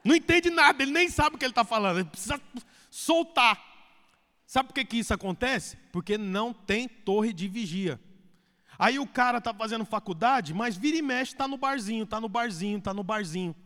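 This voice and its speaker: Animated high-voiced pastor preaching. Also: male voice, moderate pace. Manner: animated, swings between loud and hushed. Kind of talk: sermon. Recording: echoey hall reverb.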